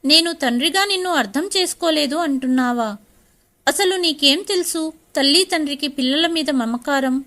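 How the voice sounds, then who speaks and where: Woman playing a middle-aged father, stern, reproachful, high voice, bright. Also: normal speed.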